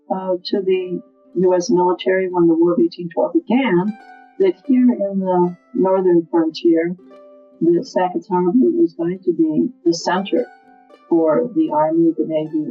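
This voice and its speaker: A woman from northern New York, a historic site manager, answering interview questions in a steady, informative way. Her audio is fuzzy and distorted. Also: fairly low pitch. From northern New York State, USA. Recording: distorted, dull lo-fi interview audio with faint music behind.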